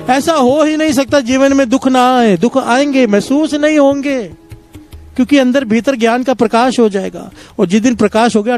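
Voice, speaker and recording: A man with a high-pitched voice preaches a devotional sermon, telling simple parables to the congregation. He keeps stopping to lead a call-and-response chant. Soft music sits faintly in the background. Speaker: satsang preacher.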